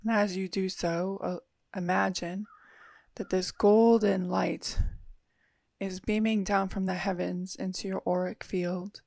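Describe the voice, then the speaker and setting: A woman leading a guided meditation in a soothing, unhurried manner with long pauses. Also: medium pitch, level tone, gravelly, a little mellow, no echo, clean studio sound.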